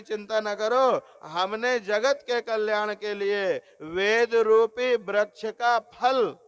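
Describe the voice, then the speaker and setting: A man giving a devotional sermon on scripture, explaining slowly, repeating phrases and often addressing listeners as Narayan. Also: high voice, a bit bright, smooth. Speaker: religious discourse speaker.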